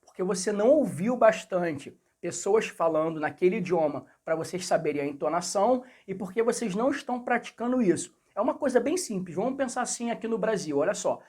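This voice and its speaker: A man's voice: high voice, animated, a little fast, hardly any pauses, darkish tone. Brief: Brazilian male English coach, Rio accent, casual and chatty, talks directly to camera audience. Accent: Rio de Janeiro Portuguese. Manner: chatty, repeats phrases, addresses viewers directly. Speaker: English teacher. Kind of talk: casual video lesson.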